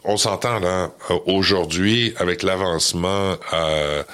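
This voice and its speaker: A man, a guest on a radio interview, speaking hesitantly with many pauses and restarts. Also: low-pitched, a bit bright. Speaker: charity event organizer guest.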